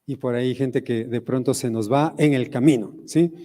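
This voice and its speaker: A man's voice: mid-range voice, normal speed, warm tone, in a large hall. A male pastor with an Ecuadorian accent, preaching a sermon in church and putting questions to the congregation. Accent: Ecuadorian Spanish. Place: church sanctuary.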